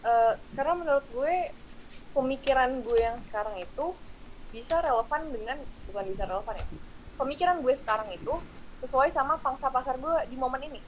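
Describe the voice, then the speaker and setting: Brief: teenage woman guest, 19, Jakarta slang accent, brisk higher voice, faint hiss behind. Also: poor audio. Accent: Jakarta slang Indonesian. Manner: quick, earnest, explains her opinions at length. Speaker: podcast guest. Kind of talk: casual chat.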